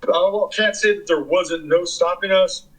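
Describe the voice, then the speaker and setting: Interview guest, fifties, from the Bay Area: a husky, fairly high male voice with a profane, rambling storyteller's delivery. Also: moderate pace, fairly bright tone, low-quality recording. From California Bay Area. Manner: rambling, profane, filler-heavy. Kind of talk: casual storytelling.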